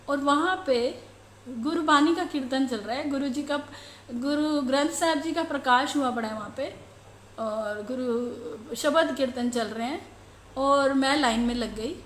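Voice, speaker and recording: A middle-aged woman telling the congregation about a devotional dream, slow and halting as she searches for words. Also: high-pitched, slight background noise. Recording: roomy echo.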